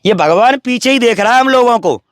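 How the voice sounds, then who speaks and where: Brief: man, very high voice, dry close sound, boastful preachy holy man. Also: animated, brisk, no echo. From Braj region, India. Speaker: wandering sadhu interviewed. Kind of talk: rambling spiritual talk.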